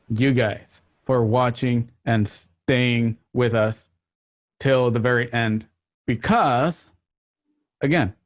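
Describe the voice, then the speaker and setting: Signing off from his online radio play show, a medium-pitched man jokes and rambles casually to listeners over a remote group call from home. The recording is muffled, with no echo.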